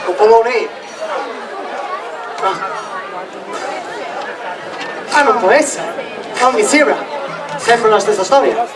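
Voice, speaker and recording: A man's voice: very high voice, a little slow, a loud crowd. A man playing a cranky, sleepless grumbler in a Sicilian dialect stage comedy, exasperated and repetitive. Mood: bossy, annoyed. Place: large hall, live stage. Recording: distant theatre hall recording, noisy audience.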